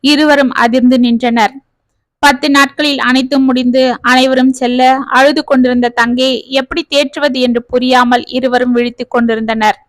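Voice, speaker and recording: A woman narrating a family story in a steady storytelling manner. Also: high voice, normal speed, no room sound.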